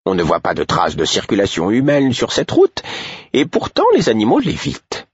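A man voicing a stern, commanding older woman healer in an audiobook reading, with a sharp raised voice. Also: on the low side, wildly swooping pitch, normal speed, husky, no room sound, lo-fi sound, voice pushed up, heavily acted. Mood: pressing.

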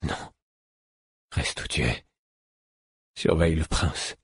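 Un jeune homme souffrant qui articule avec peine, joué par un homme, voix grave et voilée. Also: male voice, rumbling low, takes it slowly, breathy edge, dry recording, clean studio sound, heavily acted. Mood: urgent. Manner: strained, careful articulation. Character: young man in pain, struggling.

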